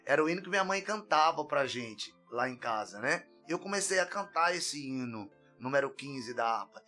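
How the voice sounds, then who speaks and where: A man's voice: on the high side, lively intonation, normal speed, faint music behind. A man giving an earnest, emotional personal testimony as a podcast guest, his voice rising when he recounts crying out. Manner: earnest, tearful, grows loud when recounting.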